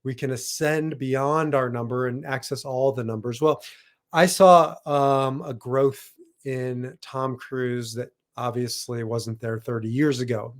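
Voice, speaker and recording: A man's voice: medium pitch, fairly even intonation, a little slow. A middle-aged man hosting a solo podcast as a logotherapist, talking casually and correcting himself with asides as he goes. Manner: rambling, self-correcting, with asides.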